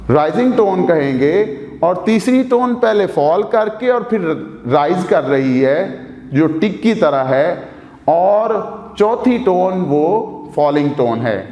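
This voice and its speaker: A man's voice: high voice, a little mellow. A man teaching a video language lesson, patient and formal, going over each point step by step. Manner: formally addresses viewers. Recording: echoey room with long reverb.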